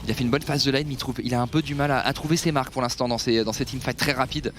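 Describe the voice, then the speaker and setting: Fast-talking male esports caster. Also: mid-range voice, fairly even intonation, a little hiss or hum. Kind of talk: analytical esports commentary and replay breakdown.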